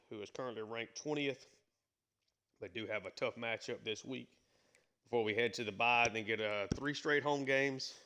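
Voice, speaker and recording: A gaming YouTuber with a mid-range, slightly bright, clean-toned voice gives casual play-by-play on a football video game. He has the hiccups and hiccups throughout, talking conversationally with plenty of fillers.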